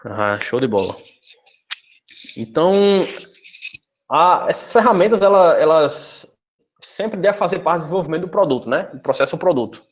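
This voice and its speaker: A fairly high-voiced man with a Brazilian Portuguese accent walks listeners through a technical presentation. He talks in an explanatory way and keeps checking in with short tag questions. His voice comes through a video call with dull, lo-fi audio. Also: expressive, moderate pace, pauses often. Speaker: guest engineer presenter. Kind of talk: technical presentation in an online forum. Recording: muffled lo-fi online call audio.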